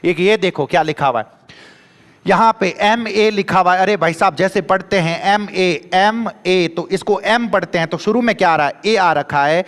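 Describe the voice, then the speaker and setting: Animated Rajasthani-accented male teacher. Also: high-pitched, normal speed, in a large hall. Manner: animated, rhetorical questions, mixes Rajasthani dialect. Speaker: exam-prep English teacher. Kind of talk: classroom grammar lecture.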